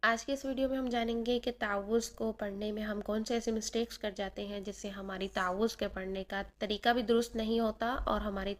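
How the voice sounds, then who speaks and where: A woman teaching tajweed, explaining the pronunciation of each sound and demonstrating it slowly and carefully. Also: mid-range voice. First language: Urdu. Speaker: Quran recitation teacher. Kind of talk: tajweed lesson.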